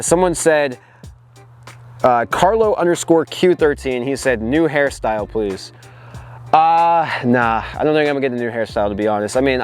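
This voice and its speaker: A man hosting his own vlog in a relaxed, chatty way, reading viewers' advice aloud and reacting to it with plenty of fillers. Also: medium pitch, clean tone. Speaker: sneaker vlogger host. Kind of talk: casual vlog chat reacting to comments.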